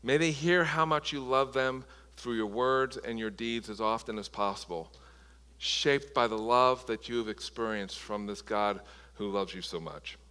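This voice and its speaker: A man's voice: medium pitch, a little slow, pushed and bright, clear, resonant tone. A man preaching a sermon as pastor, impassioned, often restarting and repeating words. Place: church sanctuary. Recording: long reverb of a large hall.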